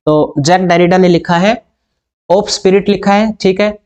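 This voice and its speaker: A male tutor from India working through exam questions in a measured lecture. He drags out each English question word by word, then shifts into quick explanations. He keeps asking rhetorical questions to check that his students follow. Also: high-pitched, a little mellow, clear, resonant tone, highs cut off. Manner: reads English questions slowly and deliberately, then explains them briskly. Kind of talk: exam-prep lecture mixing Hindi and English.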